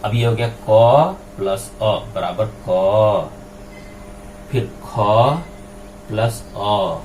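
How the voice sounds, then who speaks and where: Man, teacher, very slow and deliberate, faint background hiss. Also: lowish voice, expressive, darkish tone, rough recording. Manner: slow, deliberate, spelling out sounds one by one. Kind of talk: grammar lesson explaining on a board.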